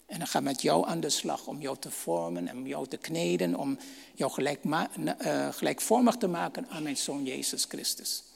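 A man's voice: on the high side, animated, moderate pace, creaky, slightly rough, in a large hall. A man preaching a sermon, reading Bible verses and asking rhetorical questions.

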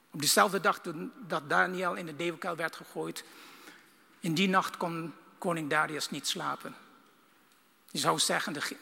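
Fervent preacher with a gravelly voice. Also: male voice, a little high, long reverb tail. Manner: fervent, swinging from loud bursts to hushed lines. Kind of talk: sermon.

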